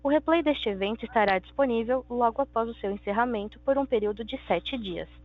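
Call operator, formal and polite, a bit high-pitched, dry phone audio. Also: female voice, fairly quick, dry recording, narrow, tinny audio. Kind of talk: scripted call introduction. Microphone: phone line.

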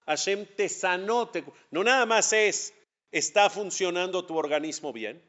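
Rabbi teaching, higher voice. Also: male voice, animated, moderate pace, a bit bright. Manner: asks the class rhetorical questions and answers them himself; conversational, addresses students directly. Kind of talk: religious class lecture. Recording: dull lo-fi class recording.

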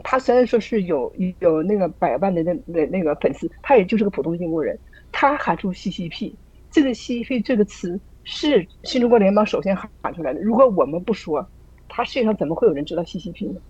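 A woman's voice: mid-range voice, lively intonation, fairly quick, darkish tone, slightly rough, no room sound, dull audio. A woman sharing her views in a casual group call, earnest and full of rhetorical questions, often restarting her sentences. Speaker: church group member sharing.

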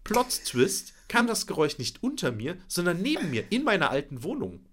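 A man with a high-sitting voice talks at a moderate pace, with a little hiss or hum in the audio. Co-hosting a podcast, he tells a casual anecdote, animatedly acting out his own reactions and laughing often.

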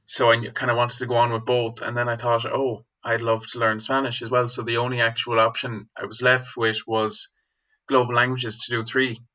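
Bright, even-toned young west of Ireland man. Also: mid-range voice, moderate pace. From Galway, Ireland. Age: young adult. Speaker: student guest. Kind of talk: interview answers.

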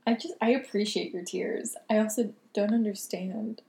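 A woman's voice: mid-range voice, steady tone, moderate pace, gravelly, mellow. A woman co-hosting a casual chat, easygoing and agreeable, often backing her partner up. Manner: easygoing, agreeable, frequent short affirmations. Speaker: podcast co-host.

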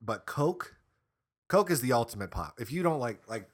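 A young man co-hosting a podcast in casual, animated chat, swearing and laughing often. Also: medium pitch, normal speed. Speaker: podcast co-host.

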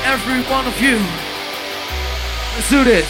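A man hyping a festival crowd as a DJ, shouting into a live stage PA. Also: extremely high pitch, a little slow. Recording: live stage PA under loud music. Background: loud music.

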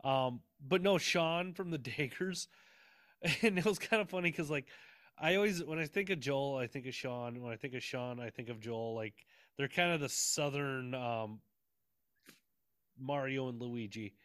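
A man's voice: medium pitch, moderate pace, a bit bright, no echo, clean studio sound. A man in casual chat, telling rambling stories with frequent laughs and swearing. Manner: rambling, laughing storyteller who swears freely.

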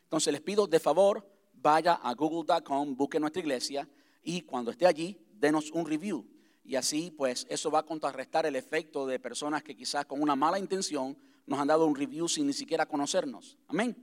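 Pastor guy talking to his church, kinda high voice, chatty, slows down to repeat stuff. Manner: conversational, repeats himself, slows to spell things out. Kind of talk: church vision address to congregation. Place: church sanctuary.

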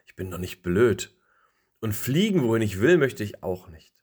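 A man's voice: fairly low pitch, big pitch swings, normal speed, darkish tone, husky, exaggerated voice. Man playing a stubborn, lonely last leaf. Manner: firm, stubborn insistence.

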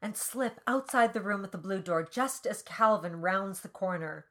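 A woman's voice: mid-range voice, normal speed, fairly bright tone. A woman co-hosting a comedy podcast, reading a novel aloud and breaking off for wry, profane commentary. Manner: wry, swears casually. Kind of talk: dramatic reading with comic commentary.

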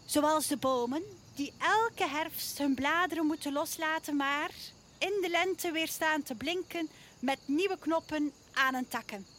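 A woman's voice: high voice, measured pace, a bit bright, slight background noise. A woman voicing a wise, motherly female forest creature, patient and encouraging. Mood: soothing.

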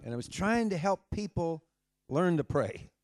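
A man preaching a sermon to a congregation in an animated way, acting out the voices he quotes. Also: high voice, moderate pace. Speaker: pastor. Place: congregation hall, door open to wind.

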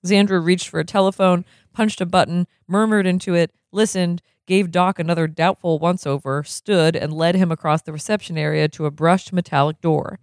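Relaxed reader of a novel, dry sound. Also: medium pitch, moderate pace, few pauses, no room sound. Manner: relaxed, breaks into laughter while reading. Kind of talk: reading a novel aloud.

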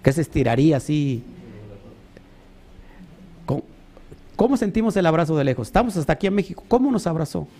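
A man preaching a sermon, animated, asking rhetorical questions and mimicking other people. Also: fairly high pitch, brisk, long pauses.

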